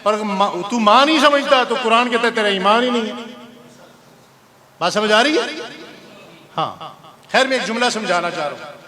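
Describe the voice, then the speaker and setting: Brief: male mufti, storytelling sermon style, rhetorical asides, high voice, live congregation. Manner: storytelling, rhetorical questions to the audience. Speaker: mufti preacher. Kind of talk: conversational sermon. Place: mosque.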